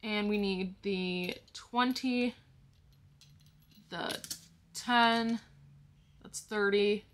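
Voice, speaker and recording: A woman's voice: mid-range voice, fairly even intonation, very slow, pauses often, a little hiss or hum. A woman vlogging about her budget, explaining each step to viewers in a casual way and counting money aloud as she goes. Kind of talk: casual talk-through to the viewers.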